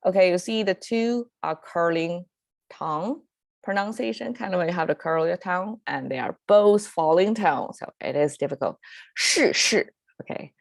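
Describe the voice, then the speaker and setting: A woman with a Mandarin Chinese accent explains vocabulary in a relaxed teaching style, pausing on fillers and correcting herself as she goes. Her voice sits low and has a gravelly fry. The recording is dry, with no room sound. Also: dry recording. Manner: conversational, with frequent fillers and self-corrections, occasional laughs. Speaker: Chinese language teacher and podcast host. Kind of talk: casual explanatory lesson.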